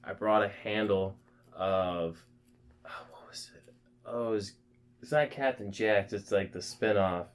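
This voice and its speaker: Unhurried and clean-toned, this young man's lowish voice carries a profane, rambling tale of a wild party on a podcast he co-hosts. "Like" and "man" pop up constantly in the casual storytelling.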